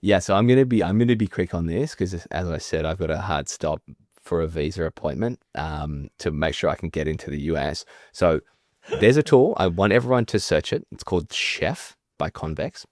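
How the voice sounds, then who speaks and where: A man co-hosting a podcast, talking quick and enthusiastic. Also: no room sound, clean studio sound. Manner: quick, enthusiastic, pitch jumps up when excited. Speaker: podcast co-host. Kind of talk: casual chat.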